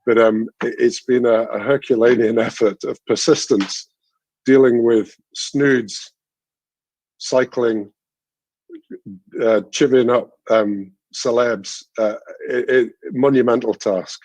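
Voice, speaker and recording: A man chatting on a charity livestream, halting and full of dry self-deprecating humour. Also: medium pitch, steady tone, a little mellow, dry recording. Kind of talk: casual video-call chat.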